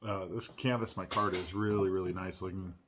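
Man, deep low voice, casual product review, chatty, filler words, restarts. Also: steady tone, fairly quick, noisy background. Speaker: knife reviewer and channel host. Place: at home.

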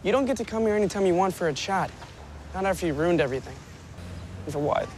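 Troubled teen boy, bitter, intense, very lively pitch, TV drama, faint background noise. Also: quick pace. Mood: bitter, accusing. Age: young adult.

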